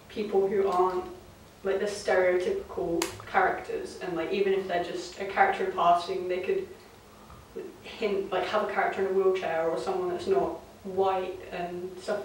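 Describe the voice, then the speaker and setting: A young woman talks casually in a vox pop, with a middle-pitched voice. She sounds far from the mic in a very echoey room, with faint background noise. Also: a little mellow. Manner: chatty, with fillers. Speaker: interviewee.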